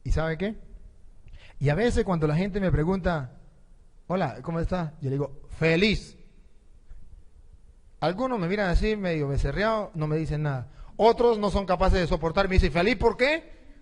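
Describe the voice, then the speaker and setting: A priest delivers a sermon in a fairly high voice. He tells stories and throws rhetorical questions at his listeners. A long reverb trails after his words. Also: fairly quick, darkish tone. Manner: storytelling preacher, rhetorical questions to the congregation.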